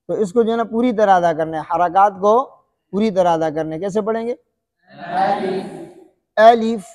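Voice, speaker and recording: A man with a high voice teaches Quran recitation. He quizzes the listener and drills each letter sound aloud, over and over. His voice rings with a long, hall-like reverb.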